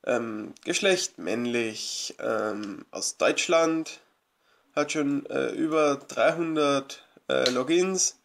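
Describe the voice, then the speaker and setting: A man's voice: medium pitch, takes it slowly, vocal fry, fairly bright tone. A man casually commenting on his own gameplay as a let's play host, chatty and rambling with many fillers, eager and grateful toward his viewers.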